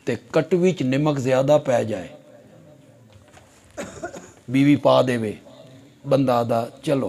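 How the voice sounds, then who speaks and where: A man preaching a sermon at a religious gathering, swinging between hushed asides and loud rising exhortation, full of rhetorical questions. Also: medium pitch, gravelly. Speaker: Islamic scholar preaching. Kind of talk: fiery Punjabi sermon. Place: conference gathering.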